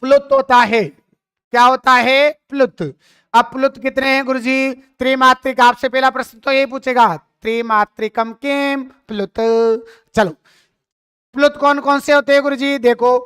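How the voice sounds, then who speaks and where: A man's voice: very high voice, little pitch movement, normal speed, pushed and bright, clear, resonant tone. A man teaching a lesson, who stretches his vowels and asks and answers his own questions. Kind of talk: classroom lecture.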